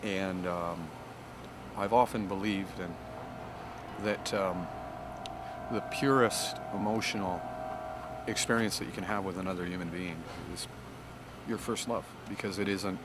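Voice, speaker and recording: A man with a low voice reflects on life in measured, earnest phrases. Clear street and car noise sits behind his philosophical talk. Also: fairly even intonation. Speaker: harp player. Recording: clear outdoor traffic and ambient noise.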